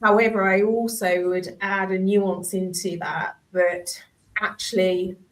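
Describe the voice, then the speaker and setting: A woman hosting a reflective conversation over a video call. She speaks slowly at a mid pitch, pausing and searching for her words as she works through her thoughts. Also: level tone, rough recording. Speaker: host.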